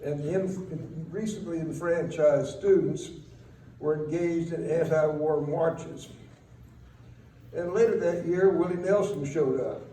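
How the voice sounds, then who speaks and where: An older man gives a fond, wry eulogy, reminiscing in a halting, faltering way with pauses. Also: fairly high pitch, dark tone. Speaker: eulogy speaker. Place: speaking at a memorial gathering in a room. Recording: roomy, distant mic, faint noise.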